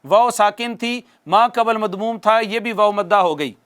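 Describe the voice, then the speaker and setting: Male tajweed teacher, high resonant voice, patient explainer who drills slow recitations. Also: fairly bright tone, clear, resonant tone. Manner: explains rules patiently, then recites slowly and drawn out for viewers to repeat; asks the audience questions and answers them himself. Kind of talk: televised tajweed lesson.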